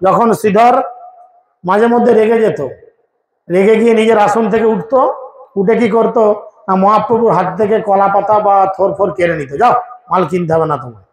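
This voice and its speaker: Man preaching at a gathering, acts out the voices in his stories, breaks into slow sung verse, echoey hall. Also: high voice. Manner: slows into sung recitation of verses. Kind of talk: devotional sermon with storytelling and chanted verse.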